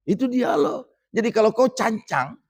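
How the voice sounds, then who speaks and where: Middle-aged Indonesian preacher, chatty mosque talk, slow careful Arabic recitation. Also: male voice, high-pitched, expressive, breathy edge. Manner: conversational, addresses listeners as Pak, recites Arabic slowly. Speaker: ustadz giving a mosque lecture. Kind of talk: religious lecture.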